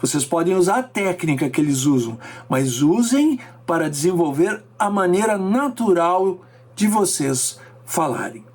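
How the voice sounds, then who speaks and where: Um homem com sotaque brasileiro, professor de técnicas de fala, dando uma aula e variando o ritmo e a altura da voz para dar ênfase. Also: male voice, a little slow, slightly rough. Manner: lively, varies pace and pitch for emphasis. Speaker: speaking coach. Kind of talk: teaching lesson.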